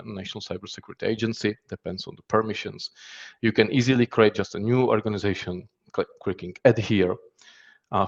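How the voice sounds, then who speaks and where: In a fairly low voice with vocal fry, a threat intelligence specialist from the Czech Republic gives a conference talk in Czech-accented English. His delivery is hesitant, full of repeated words and phrases, and the sound quality is lo-fi.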